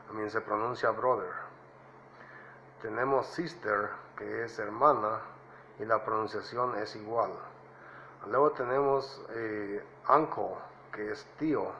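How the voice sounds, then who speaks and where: A man hosting his own channel, explaining vocabulary in a relaxed way with frequent fillers and "ok?" checks. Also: medium pitch, highs cut off, slight background noise. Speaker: English teacher and channel host. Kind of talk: casual lesson.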